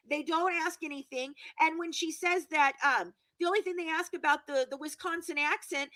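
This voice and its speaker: A woman guest in a video-call interview, speaking emphatically, repeating words for stress and correcting herself quickly. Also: high-pitched, a bit bright, no echo, low-quality recording. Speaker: guest true-crime commentator.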